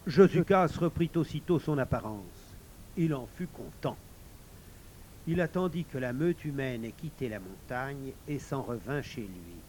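Slow, dramatic male storyteller. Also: medium pitch, expressive, a little mellow, slight background noise. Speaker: narrator. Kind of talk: storybook narration. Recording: dull lo-fi recording.

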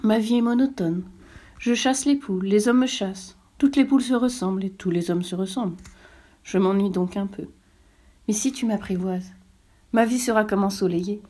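A woman voicing a wise, gentle fox in a storybook reading, calm and measured as it explains. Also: mid-range voice, natural voice. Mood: musing.

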